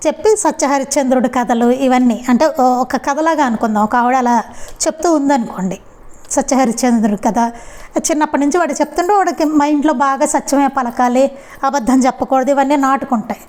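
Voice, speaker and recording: A woman's voice: high voice, a little fast, a little mellow. A woman giving a devotional satsang talk in a conversational storytelling way, with frequent rhetorical questions. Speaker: spiritual speaker.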